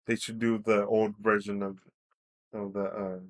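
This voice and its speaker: A man's voice: on the low side, flat delivery, measured pace. Easygoing man, podcast co-host, short casual replies, some swearing. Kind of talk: casual chat.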